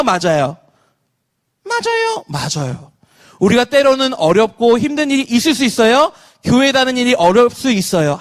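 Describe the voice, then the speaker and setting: Children's pastor, man in his thirties, high-pitched, keeps quizzing the kids. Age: 30s. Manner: lively, asks children questions and leads call-and-response. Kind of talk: online children's sermon.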